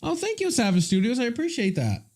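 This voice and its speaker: A man's voice: very high voice, huge pitch swings, quick pace, a little mellow. A man from the United States, chatting casually on a live stream and answering viewer messages.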